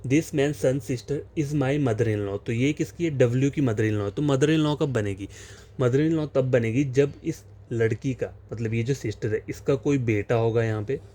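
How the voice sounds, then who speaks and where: Mellow-voiced male tutor. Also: mid-range voice. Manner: explanatory, repeats phrases and fillers, slow reading of question text. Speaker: reasoning teacher. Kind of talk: exam-prep lesson, solving questions on a board.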